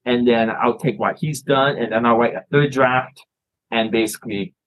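A man's voice: medium pitch, steady tone, moderate pace, fairly bright tone, low-quality recording. A man from Canada, a filmmaker guest chatting casually in an interview, rambling and often restarting his words.

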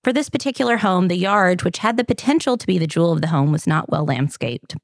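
A woman's voice: fairly low pitch, animated, fast talker, dry recording, clean studio sound. A woman with a Southern Kentucky accent, hosting a podcast and narrating in a chatty, upbeat way with jokes. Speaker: podcast host. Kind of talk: casual scripted narration.

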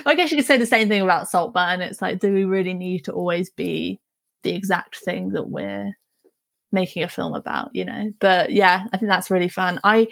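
A woman film journalist guesting on a podcast, relaxed and chatty, laughing often. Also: lowish voice, moderate pace, creaky, no room sound. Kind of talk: casual film chat.

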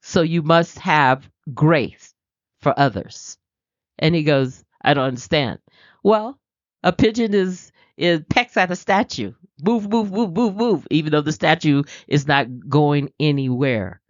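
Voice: medium pitch, measured pace, dry recording. A podcast host giving an inspirational talk on faith and daily life. The host speaks with animation, laughs often and acts out the people they quote. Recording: slightly dull, dry sound.

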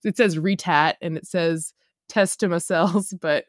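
A woman's voice: fairly low pitch, unhurried, dry recording, studio quality. A woman co-hosting a casual podcast chat, laughing often as she talks. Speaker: podcast co-host.

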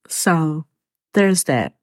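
A woman hosting her own podcast, talking to her listeners in a halting, choked-up way and close to tears. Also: sits low, animated, darkish tone, dry recording. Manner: speaks to listeners as y'all. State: tearful. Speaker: podcast host. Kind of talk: personal solo podcast talk.

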